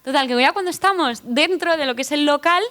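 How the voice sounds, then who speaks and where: A young woman with a Madrid Spanish accent tells funny stories about herself at a conference, speaking in a slightly high voice. She jokes at her own expense and throws asides to the crowd. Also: fairly quick, fairly bright tone. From Spain (Madrid). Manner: chatty, joking, self-deprecating, with asides to the audience. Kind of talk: humorous personal storytelling talk. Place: conference stage before an audience.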